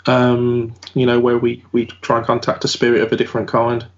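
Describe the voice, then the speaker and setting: A man's voice: mid-range voice, monotone, a little fast. A man who investigates the paranormal, talking through his work in a casual round-table chat. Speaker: paranormal investigator and podcast host. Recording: dull lo-fi audio.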